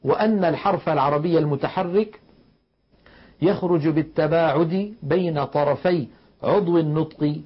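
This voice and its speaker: Man, tajweed teacher, demonstrates sounds, fairly high pitch, muffled lo-fi sound. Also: slightly rough. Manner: slow explanatory, demonstrating letter sounds. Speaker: Quran recitation teacher. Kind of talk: televised tajweed lesson. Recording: dull lo-fi broadcast audio.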